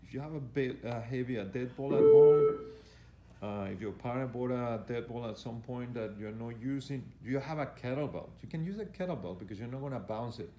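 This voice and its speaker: Filming himself on a handheld camera in an indoor gym, a male fitness coach talks through exercises live as he demonstrates them. His medium-pitched, warm voice moves fairly quickly, and his instructions come out hesitant and repetitive. The room is echoey, with faint background noise.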